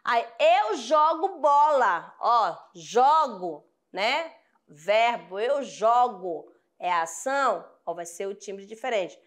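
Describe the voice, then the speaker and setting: A woman's voice: on the high side, expressive, slow pace. A woman with a Brazilian accent teaching a grammar lesson, patiently repeating examples and often checking that her students follow. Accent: Brazilian Portuguese. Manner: addresses students affectionately.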